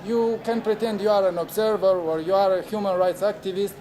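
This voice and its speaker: In a conference room before an audience, a forties-aged Moldovan moderator, a native Romanian speaker, presents an unconference talk in halting English, restarting often and using many fillers. His voice is high, steady, and warm, captured by a handheld camera.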